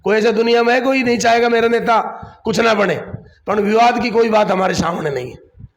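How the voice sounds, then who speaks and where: A man's voice: high voice, brisk. A man, a district council chief answering a political interview defensively and repeating his points.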